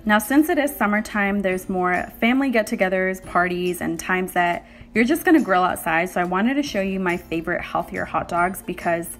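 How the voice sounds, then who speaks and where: A woman's voice: fairly low pitch, a bit bright. A woman vlogger giving a chatty, upbeat voice-over for a grocery haul video, laughing lightly now and then.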